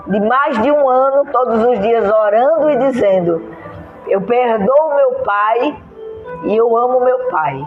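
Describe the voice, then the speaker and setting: A woman pastor gives an emotional testimony sermon. She tells her story earnestly, acts out the dialogue she remembers, and is audibly moved. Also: fairly high pitch. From Brazil. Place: church. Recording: echoey, muffled church recording with music.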